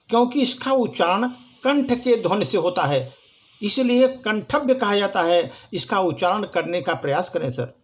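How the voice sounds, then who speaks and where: A man with a notably high voice gives an earnest spoken presentation. He addresses his listeners politely and pauses to sound out each letter slowly and clearly. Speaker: presenter explaining the Hindi alphabet. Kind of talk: spoken classroom-style presentation.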